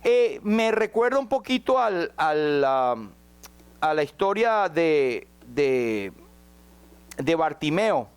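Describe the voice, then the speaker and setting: A man preaching a sermon as pastor, rising high and dropping to a hush, questioning his congregation directly. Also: big pitch swings, takes it slowly, smooth. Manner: dramatic swings between raised and hushed passages.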